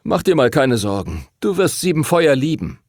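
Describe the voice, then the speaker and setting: An eager, excitable young man talks insistently and upbeat, as a man puts him on. The raised voice moves freely, with a rough gravel underneath, in a dry audiobook recording. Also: medium pitch, moderate pace, no room sound, pitched above the performer's own voice. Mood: excited. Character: eager young male graduate, excitable and reassuring. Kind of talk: audiobook character voice.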